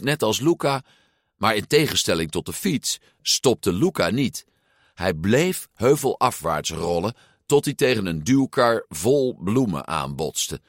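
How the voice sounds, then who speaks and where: A man reading a children's story aloud with expressive, lively intonation. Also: low voice, dry recording, studio quality. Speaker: storybook narrator. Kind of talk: storybook read-aloud narration.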